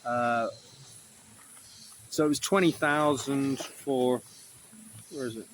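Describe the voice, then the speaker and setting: A man's voice: medium pitch, steady tone, slow pace, slight background noise, poor audio. A man recording a casual, rambling video diary, swearing often and correcting himself, with a mildly sore throat. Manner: meandering, self-correcting, frequent swearing. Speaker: vlogger.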